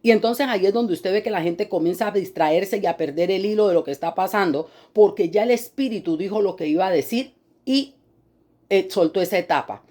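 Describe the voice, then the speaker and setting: A woman preacher giving an animated sermon, acting out quoted people in high mocking voices. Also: brisk.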